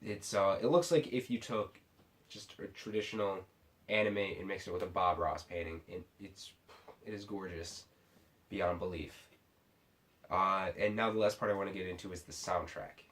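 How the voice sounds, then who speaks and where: A tipsy man giving a casual, unscripted movie review in a rambling, halting way, often restarting his sentences. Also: deep voice, fairly even intonation, fairly bright tone. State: tipsy from drinking sake. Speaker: film reviewer.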